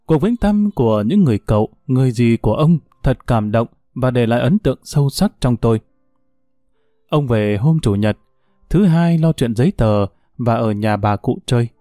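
A man narrating a story in a reflective, steady way. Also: mid-range voice, normal speed, dry recording, clean studio sound, faint music behind.

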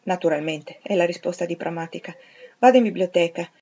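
A woman reader voices a brusque, imperious gentleman, clipped and used to giving orders, whose questions come out short and commanding in a middle-low voice. The voice is fairly quick and natural, and the recording sounds a little dull and lo-fi.

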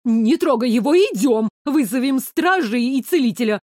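A woman reading an audiobook, voicing a stern, exasperated middle-aged mother who scolds briskly. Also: high-pitched, lively intonation, a little mellow, dry recording, studio quality. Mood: urgent. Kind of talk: audiobook character voice.

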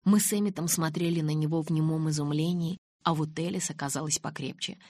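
Brief: female audiobook narrator, low husky tone, dry booth sound, dramatic first-person reading. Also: steady tone, a little fast, a little mellow, dry recording.

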